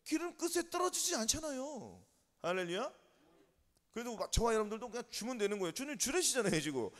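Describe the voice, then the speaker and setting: Pastor, male, high and lively delivery, prods the flock with questions, church hall echo. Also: fast talker. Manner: call-and-response questions to the congregation. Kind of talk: sermon. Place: church sanctuary.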